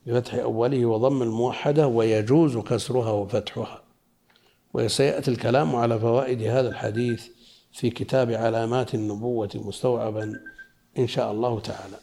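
A man teaching a lesson, slowly reading a classical religious commentary aloud and explaining it in plain spoken asides. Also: medium pitch, dark tone.

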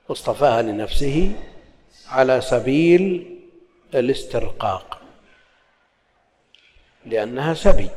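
A man's voice: medium pitch, darkish tone. A man teaching a religious lesson, explaining texts and moving between formal recitation and colloquial asides. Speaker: Islamic scholar teaching hadith. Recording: long hall reverb.

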